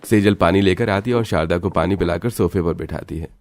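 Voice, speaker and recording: Deep-voiced male story narrator. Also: a little fast, darkish tone, dry recording.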